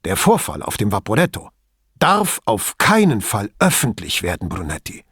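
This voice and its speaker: A man's voice: on the low side, huge pitch swings, normal speed, fairly bright tone, breathy edge, no echo, clean studio sound, heavily acted. A man playing a pompous, indignant police chief. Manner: indignant, emphatic, complaining.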